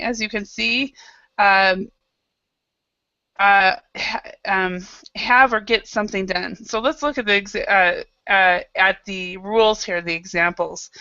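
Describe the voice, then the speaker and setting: A woman from Idaho leads an online English class with a bright, forceful voice. She sounds patient and encouraging, leaning on plenty of fillers. Her voice is dry and close, over slightly dull lo-fi video-call audio. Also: medium pitch, no room sound. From Idaho, United States. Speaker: English teacher.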